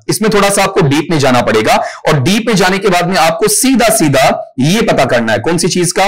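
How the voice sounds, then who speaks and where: Man teaching with a fairly high voice. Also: rough recording. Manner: explains step by step, asks and answers own questions, calls students "beta". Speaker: English teacher. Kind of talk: exam-prep lecture.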